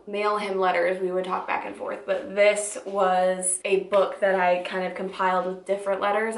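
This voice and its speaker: A woman's voice: medium pitch, creaky, a bit bright, a little hiss or hum. A woman in her twenties chatting casually and informally for a personal vlog at home. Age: 20s. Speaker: vlogger. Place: indoors at home, echoey room. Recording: echoey, roomy home recording.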